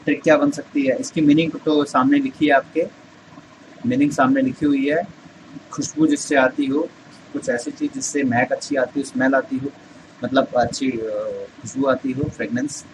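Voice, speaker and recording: A man's voice: medium pitch, steady tone, moderate pace, background noise. A man teaching English vocabulary in Hindi, explaining step by step and answering his own rhetorical questions. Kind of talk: Hindi vocabulary lesson with memory tricks.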